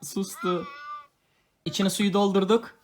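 A man's voice: sits high, little pitch movement, takes it slowly, a little hiss or hum. A father chatting playfully and coaxingly with his young daughter while they unbox a toy together. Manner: playful, coaxing, talks gently to a child. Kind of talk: casual family toy unboxing.

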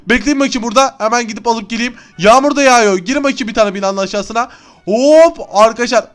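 Young male let's-play host, high and fast, excitable yeller. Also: smooth. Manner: excitable, chatty, often yells and laughs. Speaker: gaming YouTuber. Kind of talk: Minecraft let's-play commentary.

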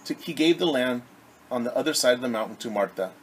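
Speaking fast with lively intonation at a medium pitch, a middle-aged man reads a story to children like a teacher, explaining words along the way. He's indoors in a home living room, at arm's length from the camera. The recording is low quality and picks up clear background room noise.

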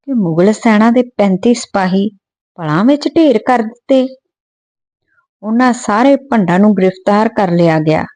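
Woman narrator reading a book aloud, steady and earnest, warm tone, dry mic. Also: mid-range voice, no echo. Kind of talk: storybook narration.

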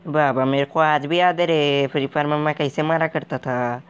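Clear and resonant, a little high and steady, a man's natural voice brings to life a gaming video character who wanders a game talking. The guy is clueless, excitable and uneducated; his comic commentary is baffled, jittery, jumpy and naive, with a stretched "re baba" closing nearly each line.

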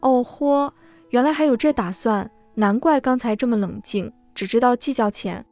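A woman's voice: fairly high pitch, moderate pace, a little mellow, no echo, faint music behind. Woman narrating a story, dry close sound. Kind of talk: first-person story narration.

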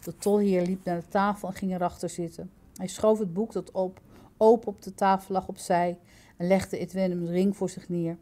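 Woman storybook reader, mellow tone, calm and steady. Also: fairly low pitch, normal speed. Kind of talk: children's book read-aloud.

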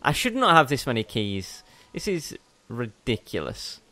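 A man's voice: mid-range voice, big pitch swings, measured pace, pushed and bright, no room sound. A young man giving casual gameplay commentary as a let's play host, chatty and rambling, often correcting himself mid-sentence.

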